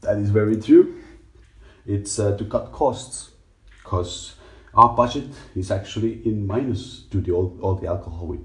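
A man's voice: fairly low pitch, normal speed, fairly bright tone. A man hosting a casual, crude comedy podcast in an irreverent, tongue-in-cheek manner, recorded in an echoing bathroom. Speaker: podcast host. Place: bathtub in a small bathroom.

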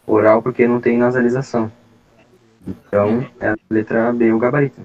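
A man explains grammar answers one step at a time on a video call. His voice sits at an ordinary pitch. The call audio is dull and lo-fi. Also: flat delivery, brisk. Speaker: study group leader explaining exam questions.

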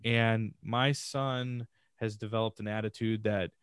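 A man's voice: on the low side, steady tone, a little slow, clean tone, no room sound. A man talking as a podcast guest, telling stories in an earnest, rambling way. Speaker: podcast guest, family streamer. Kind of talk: casual conversational interview.

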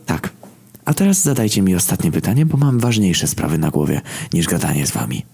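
A cold female villain from the abyss, voiced by a man, who talks down to her enemies in an unhurried, dismissive way. The voice is husky and mellow, in a story reading. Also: deep voice, heavily acted. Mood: calm scorn. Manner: calm, dismissive.

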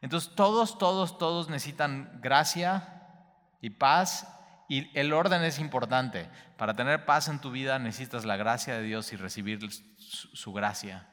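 A man's voice: medium pitch, unhurried, fairly bright tone, in a large hall. A man preaching a Bible teaching sermon, speaking straight to the listener and repeating key phrases for emphasis.

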